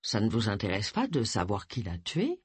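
A reader voicing Charles, a suave man who speaks in a honeyed, unhurried tone. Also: mid-range voice, wildly swooping pitch, husky, dry recording, pitched below the performer's own voice, full character voice. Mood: sly. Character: suave man, smooth and sly.

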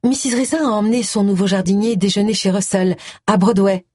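A reader voicing Mrs Blocksby, a kindly, worried vicar's wife, in an audiobook, speaking in a gentle, courteous way. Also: medium pitch, a little fast, no room sound, clean studio sound, pitched above the performer's own voice, close to an everyday voice.

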